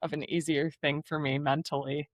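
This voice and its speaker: A woman's voice: sits low, level tone, moderate pace, dry recording, studio quality. A young adult woman, a surf and water photographer, talking as an interview guest in a casual, chatty way full of fillers.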